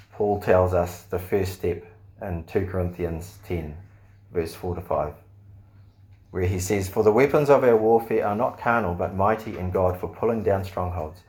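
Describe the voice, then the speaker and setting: A man preaching a sermon in an earnest way, asking the listeners questions and often pausing on fillers. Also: fairly low pitch, a little mellow. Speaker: pastor.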